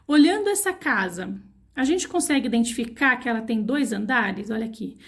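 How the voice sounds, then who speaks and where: A woman's voice: a little high, animated, moderate pace. A woman teacher from Brazil giving a recorded online lesson to young children, patiently spelling out words syllable by syllable and asking the kids questions. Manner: asks the children questions, coaxing. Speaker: primary school teacher.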